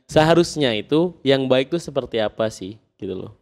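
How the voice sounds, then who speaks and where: A man's voice: medium pitch, expressive, moderate pace, creaky, a little mellow. Probing man hosting a podcast. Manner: probing, affirms often with "oke". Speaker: podcast host. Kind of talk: casual podcast interview.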